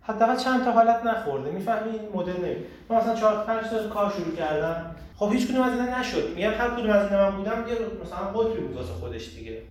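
A man hosting a casual group talk on personal growth, animated and emphatic, often asking rhetorical questions. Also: high-pitched. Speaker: host leading a group discussion. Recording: echoey room, far from the mic, faint noise.

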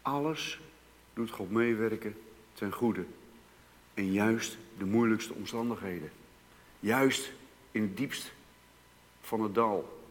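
A man preaching a sermon, moving from hushed, slow passages to loud, emphatic outbursts. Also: lowish voice. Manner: dramatic swings between hushed and loud emphasis. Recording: long reverb of a church hall.

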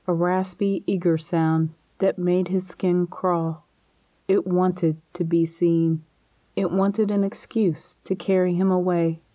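A woman reads a spooky story in a measured, suspenseful way. Her voice is low and warm, recorded close and dry with no room sound. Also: no room sound. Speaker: narrator. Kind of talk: scripted audiobook narration.

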